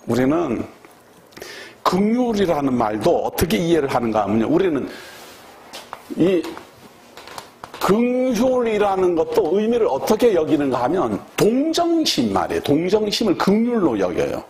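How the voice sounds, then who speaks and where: A man's voice: sits high, sing-song, moderate pace, darkish tone. A man preaching a sermon as pastor, emphatic and conversational, repeating key words for stress and putting questions to the congregation.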